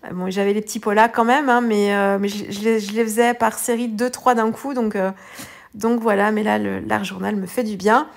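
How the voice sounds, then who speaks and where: A woman's voice: medium pitch, fairly even intonation, moderate pace, creaky. A woman hosting an art journaling video, talking through her page in a casual, rambling way with many hesitations and restarts. She sounds tired. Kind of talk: casual tutorial voice-over.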